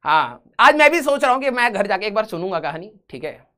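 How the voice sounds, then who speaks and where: His voice is high-pitched and sing-song, with a sharp tone and a fairly quick pace, as this man jokes and bandies words with students in a live online physics class. He then reads the questions aloud in English.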